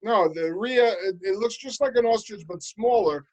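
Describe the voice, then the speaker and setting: A man who is a comedian co-hosting a casual chat, setting up deadpan punchlines. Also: high-pitched, normal speed, lo-fi sound. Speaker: comedian co-host.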